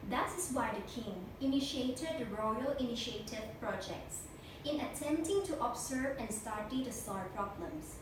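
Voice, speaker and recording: A woman's voice: on the high side, lively intonation, measured pace. Distant, rehearsed young woman speechmaker. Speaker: speech contestant. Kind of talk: memorized competition speech. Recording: echo-heavy room, distant mic, noisy.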